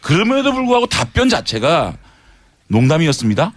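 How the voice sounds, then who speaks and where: A man's voice: a little high, huge pitch swings, a little fast, dry recording. A man speaking as a presidential candidate in a mock debate, pointed and needling in his questions. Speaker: debate panelist. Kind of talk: mock debate role-play.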